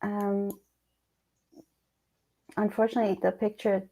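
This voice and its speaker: A woman's voice: mid-range voice, little pitch movement, unhurried, dark tone. A woman hosting a live talk show over a video call, interviewing a guest with encouragement and many fillers.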